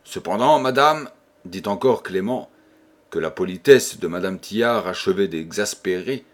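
A man reading a novel aloud as an audiobook, in a measured, steady narration. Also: deep voice. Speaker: audiobook reader.

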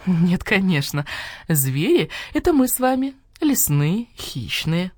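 A woman's voice: sing-song, unhurried, a little mellow, no room sound, clean studio sound. A woman voicing a coy, vain vixen in a storybook who plays helpless and whines. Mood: haughty. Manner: coy, whiny, shrill at times.

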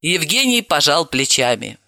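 Woman narrator, expressive storytelling, bright tone, lively pitch, dry close sound. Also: moderate pace, vocal fry, no room sound. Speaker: audiobook narrator. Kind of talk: scripted narration.

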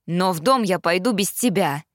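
A woman's voice: on the low side, animated, moderate pace, no echo, studio quality, natural voice. A woman doing a stern, weary police father. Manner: firm and weary.

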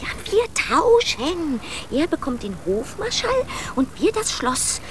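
High, bold young princess. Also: female voice, big pitch swings, slow pace, background noise, full character voice. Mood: bold, scheming. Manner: direct, eager, theatrical. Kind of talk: children's radio play acting.

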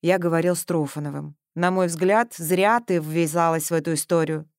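A woman voicing a middle-aged man who is calm, fatherly and firm, with a steady, reassuring tone. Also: fairly low pitch, moderate pace, dry recording, studio quality, close to an everyday voice.

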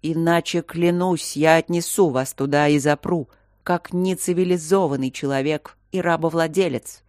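A woman's voice: deep voice, steady tone, normal speed, a little mellow, no echo, clean studio sound, natural voice. A woman voicing a cold, irritated male professor in an audiobook, speaking curtly through her teeth. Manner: curt, clipped, through teeth.

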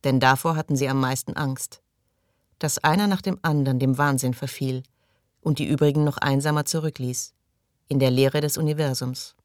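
A man narrating an audiobook in a measured, even storytelling manner. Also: mid-range voice, smooth, no echo, clean studio sound. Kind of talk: scripted narration.

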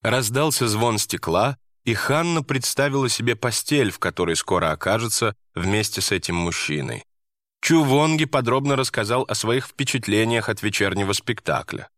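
Low-voiced male audiobook narrator. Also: expressive, normal speed, a bit bright, dry recording, clean studio sound. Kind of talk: scripted narration.

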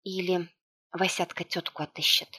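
A woman reading an audiobook aloud, with a hushed, tense delivery and light character voicing. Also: on the low side, little pitch movement, moderate pace, breathy edge. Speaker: audiobook narrator.

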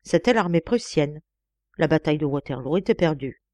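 A woman's voice: sits low, no echo. A woman voicing a self-assured young detective. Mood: explaining. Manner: calm, explaining, measured.

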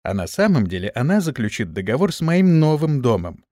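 A man reading an audiobook, voicing a sly, bold young male hero in a brash, lively tone. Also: mid-range voice, a little fast, no echo, studio quality, lightly acted. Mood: scheming.

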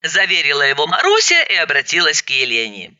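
A woman's voice: sits low, huge pitch swings, fairly quick, sharp tone, no echo, highs cut off. A woman narrating a first-person story aloud, expressively acting out the dialogue.

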